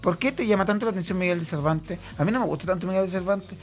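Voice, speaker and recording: Man, chilean accent, comedy radio host, teasing and mock-serious, slightly high voice, faint music behind. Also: racing. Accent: Chilean Spanish. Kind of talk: improvised comedy banter.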